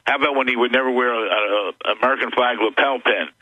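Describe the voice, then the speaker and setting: A man's voice: mid-range voice, fast, sharp tone, no echo, rough recording. A man who is an attorney, a guest on a talk radio show, speaking earnestly and insistently as he lists grievances.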